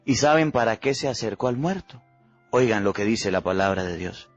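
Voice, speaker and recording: A man's voice: on the low side, expressive, normal speed. A Mexican priest giving a homily at Mass. He preaches with heavy repetition and puts questions to the congregation. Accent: Mexican Spanish. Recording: slightly dull recording with faint music.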